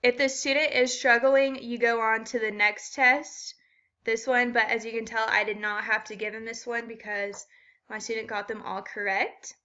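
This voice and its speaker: A woman's voice: fairly high pitch, little pitch movement, normal speed, sharp tone, highs cut off. A woman walking through a children's reading assessment step by step, with frequent ums. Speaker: student teacher explaining an assessment.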